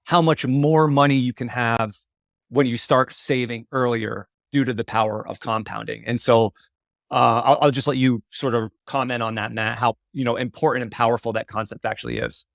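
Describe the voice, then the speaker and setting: Measured male podcast host, dry sound. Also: medium pitch, fairly even intonation, creaky, no echo. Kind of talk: podcast conversation.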